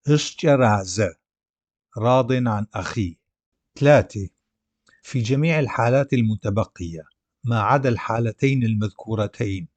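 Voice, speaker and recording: Male teacher, lowish voice, dry close sound, slow careful letter-by-letter delivery. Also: no echo. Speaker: language teacher. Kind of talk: grammar lesson narration.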